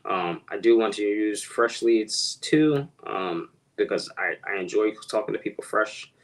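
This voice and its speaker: A man's voice: on the low side, unhurried, low-quality recording. A man talking casually to his viewers as he makes real estate cold calls, rambling and correcting himself as he goes. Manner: rambling, self-correcting, addresses viewers directly. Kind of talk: casual vlog talk to viewers.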